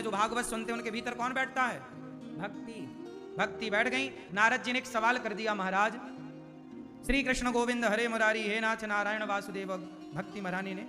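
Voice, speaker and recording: A man's voice: high-pitched, big-room sound. A man preaching a devotional sermon, telling a scripture story and chanting verses in a sing-song way, with asides to the audience.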